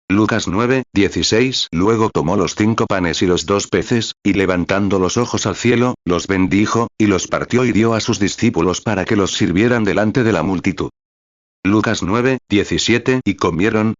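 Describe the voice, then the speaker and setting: A man with a low voice delivers a sermon, reading scripture aloud and naming each chapter and verse before he reads it. He breaks in with fervent interjections between the passages. The recording is dull and lo-fi, with a dry, close sound. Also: no echo. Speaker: preacher.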